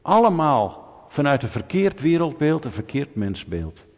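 During a sermon, a preacher with a slightly husky voice that sits on the high side speaks a little slowly, lively and rhetorical, asking the congregation questions and joking with people in the pews. His voice rings with long reverb through a church hall, and the sound is dull and muffled.

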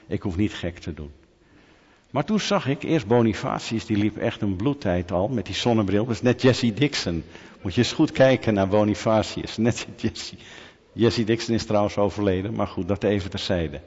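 Male preacher, chatty, jokey asides to his flock, long hall echo, dull muffled sound. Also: lowish voice. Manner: lively storytelling preaching with humorous asides to the congregation. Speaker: pastor. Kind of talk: sermon.

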